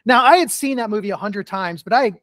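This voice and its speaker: A man's voice: high voice, animated, fairly quick, a bit bright, no echo. A middle-aged man, a guest author and keynote speaker, telling earnest stories in a casual podcast interview, often saying "you know". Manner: earnest storytelling with many "you know" fillers.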